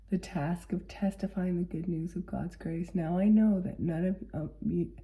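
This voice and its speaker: A woman with a low, very mellow voice reads scripture aloud and comments on it in her own words. She has a chesty cough and sounds congested in the throat. Her delivery is earnest and a little halting, repeating phrases for emphasis. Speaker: daily video Bible reader.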